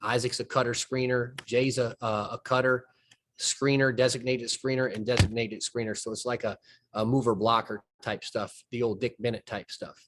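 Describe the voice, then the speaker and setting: A man's voice: mid-range voice, fairly even intonation, moderate pace, fairly bright tone, slight background noise. A man, a basketball coach walking through game film and explaining plays step by step in a folksy way. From southern United States. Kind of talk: film breakdown conversation.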